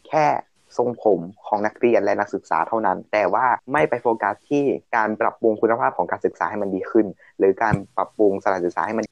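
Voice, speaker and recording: Man, podcast co-host, mid pitch, relaxed explainer, dry and slightly lo-fi recording. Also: fast, gravelly, few pauses, dry recording. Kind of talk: casual chat. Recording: slightly dull lo-fi sound.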